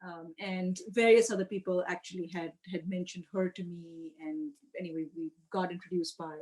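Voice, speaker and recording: A woman professor from Karachi recounts her experiences in a relaxed chat. Her voice sits a little low, and she speaks softly and thoughtfully, often trailing off with fillers. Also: normal speed. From Pakistan, Karachi. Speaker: political science professor. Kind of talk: casual conversational storytelling.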